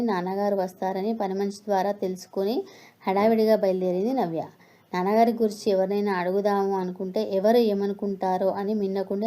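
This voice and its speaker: A woman narrating a story with steady, expressive reading. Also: medium pitch.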